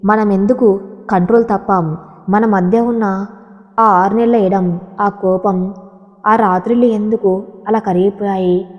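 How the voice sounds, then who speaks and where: A woman's voice: medium pitch, steady tone, measured pace, pauses often, lo-fi sound, close to an everyday voice. A woman reading the lines of a cold, dismissive young husband who speaks curtly and harshly, in a storybook. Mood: angry. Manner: curt and harsh. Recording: long hall reverb.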